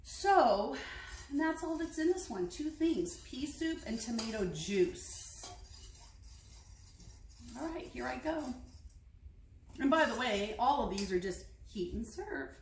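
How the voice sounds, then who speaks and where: A woman's voice: high voice, lively intonation, slow pace, long pauses, a little hiss or hum. A woman taste-testing recipes in a casual kitchen vlog, chatty and frank with hesitant asides. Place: home kitchen. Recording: echoey kitchen, clinking dishes.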